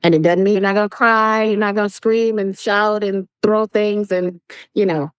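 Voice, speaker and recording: A woman speaking as an interview guest, an animated storyteller who acts out quoted voices and laughs often. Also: medium pitch, moderate pace, clean tone, dry recording, poor audio. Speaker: guest, public speaker and coach. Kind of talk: podcast interview conversation.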